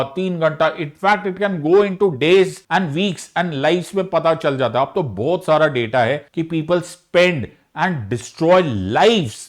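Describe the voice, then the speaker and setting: Earnest guy coaching students, kinda high voice, talks to you like a buddy. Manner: earnest, direct, addresses viewer as friend. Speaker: exam coach. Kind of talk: motivational study advice in mixed Hindi and English.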